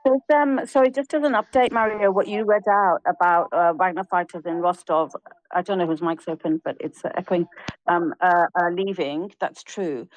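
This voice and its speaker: Female panelist, lowish voice, careful and hedging, dry sound. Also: fairly even intonation, moderate pace, dry recording, rough recording. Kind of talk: live news panel discussion.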